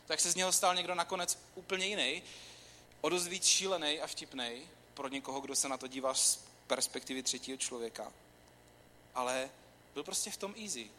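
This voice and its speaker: A man giving an informal, conversational sermon, talking straight to his listeners. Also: a little high. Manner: conversational, animated, talks straight to the audience. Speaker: preacher. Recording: long hall reverb with faint room noise.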